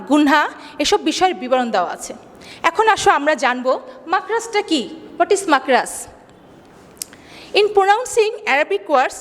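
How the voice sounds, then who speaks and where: In a reverberant classroom, a female teacher from Bangladesh explains each point slowly in English before repeating it faster in Bengali. Her voice is high, and she quizzes the class, asking questions and then supplying the answers, amid long hall reverb.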